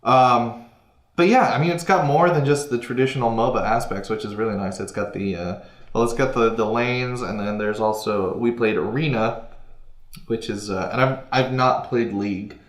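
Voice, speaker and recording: A man's voice: medium pitch, moderate pace. A young man hosting a casual gaming podcast, rambling and hesitant, often trailing off and restarting his sentences. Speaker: podcast host. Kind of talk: casual chat. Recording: echoey room.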